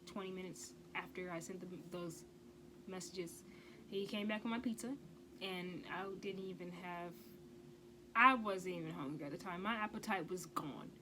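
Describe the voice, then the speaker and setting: A woman's voice: lowish voice, moderate pace, background noise. Emphatic woman telling a storytime. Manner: emphatic, repeats "okay?" for stress; blunt, swears freely. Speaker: vlogger. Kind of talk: casual storytime vlog.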